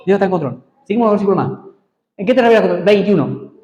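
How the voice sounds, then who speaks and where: A man's voice: sits high, expressive, racing, darkish tone, big-room sound, faint music behind. A man preaching a sermon with a Rioplatense Spanish accent, emphatic and speaking straight to his congregation. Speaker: apostle preaching. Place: church hall.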